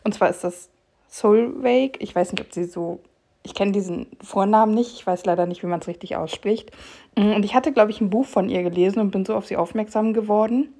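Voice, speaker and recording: A woman's voice: mid-range voice, brisk, warm tone. A young woman hosting her own podcast, chatting casually and rambling with fillers and restarts. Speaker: podcast host. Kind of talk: casual solo podcast talk.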